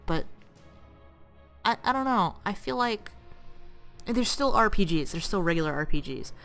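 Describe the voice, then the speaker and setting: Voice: medium pitch, lively intonation, normal speed, a bit bright, soft background music. A let's play commentator rambling casually about games while playing, with asides to the action. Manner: rambling, chatty, with fillers and asides to the game.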